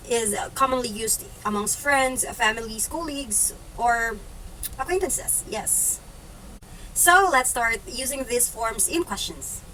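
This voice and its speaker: A woman, teaching German phrases, saying each one slowly and repeating it. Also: a little high, a bit bright, distant mic, slight background noise, rough recording. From Philippines. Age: 20s. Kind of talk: slow, repeated language lesson.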